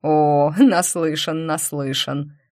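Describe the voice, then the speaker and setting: Confident, calm male bandmate; woman voices him. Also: low-pitched, takes it slowly. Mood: reassuring. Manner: reassuring, steady.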